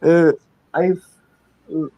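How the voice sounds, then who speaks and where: A young Czech caller drags out his words as he hesitantly asks a live stream about his aquarium, with plenty of fillers and restarts. His voice is a little high, level and dark, and the dry audio sounds dull.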